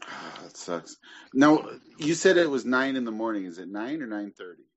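A man co-hosting a casual podcast, joking and teasing his guest with quick pop-culture quips. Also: on the low side, very animated, highs cut off. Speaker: podcast co-host. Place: home in Tokyo.

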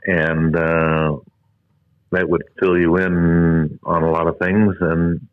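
A man's voice: deep voice, level tone, takes it slowly, dry recording. An older man in his seventies, a retired engine builder, recalls his career over a bad phone connection that sounds glitchy and muffled. He rambles with many fillers and trailing asides. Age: 70s. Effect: muffled glitchy phone line from a bad connection. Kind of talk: phone interview recollection. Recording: dull lo-fi phone call audio.

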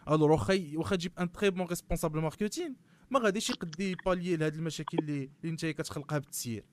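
A man's voice: a little high, racing, slight background noise. A man with a Moroccan accent giving analysis in a panel discussion, often dropping French terms into his speech. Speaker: guest commentator on football club marketing.

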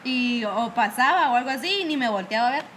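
A young woman, casually telling animated stories about bad bosses and peppering them with "¿verdad?". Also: fairly high pitch, brisk, slight background noise. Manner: animated storytelling, acts out her bosses' scolding; frequent fillers like "¿verdad?" and "va". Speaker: guest telling work stories. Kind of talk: casual chat.

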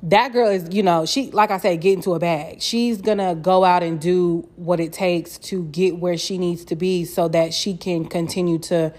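Lower-voiced young woman, candid and slangy. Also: fairly even intonation, moderate pace, few pauses, a little mellow. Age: young adult. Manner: candid, slangy, freely swearing. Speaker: podcast host. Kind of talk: casual solo chat.

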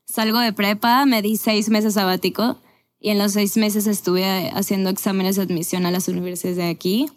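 A candid young woman from Venezuela, in her twenties, talks as a podcast guest. Her voice sits in a middle pitch, and her chat is loose, frank and full of quick restarts. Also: flat delivery. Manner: candid, chatty, with laughs and self-corrections. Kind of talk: casual conversational storytelling.

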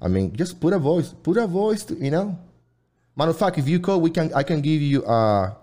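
A man's voice: medium pitch, warm tone. Rambling man hosting a live chat stream. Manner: rambling, halting, many restarts and fillers. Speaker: livestream co-host. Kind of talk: casual live chat show.

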